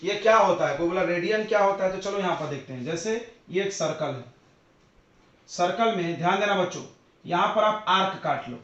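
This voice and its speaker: A male teacher lectures a class in physics, his voice pitched fairly high. He repeats himself, quizzes his students and spells out definitions slowly. The sound is a muffled, distant classroom recording with heavy echo. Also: a bit bright. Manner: repetitive, quizzes students, dictates slowly word by word.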